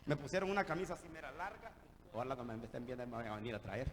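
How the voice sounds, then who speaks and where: A man from El Salvador with a Salvadoran Spanish accent, preaching an animated, jokey sermon and calling his listeners brother. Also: medium pitch, very fast, big-room sound.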